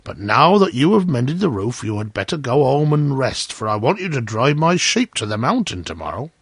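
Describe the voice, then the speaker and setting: A man's voice: mid-range voice, big pitch swings, normal speed, breathy edge, no room sound. A man voicing a smug, self-righteous miller in a storybook tale, lecturing in a pompous, preachy manner. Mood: hearty, smug. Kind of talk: storybook character voice.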